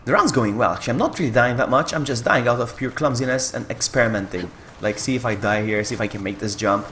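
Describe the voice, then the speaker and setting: A man's voice: mid-range voice, quick pace, a bit bright. A man giving casual, self-mocking commentary while he streams a video game. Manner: chatty and self-mocking, laughs often. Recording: streaming mic with game noise behind.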